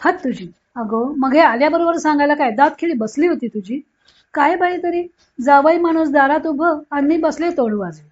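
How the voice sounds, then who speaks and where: A woman's voice: high-pitched, lively intonation, normal speed, darkish tone. A woman reading as a blunt, scolding older aunt. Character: sharp-tongued, teasing older aunt, fierce. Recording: dull lo-fi recording.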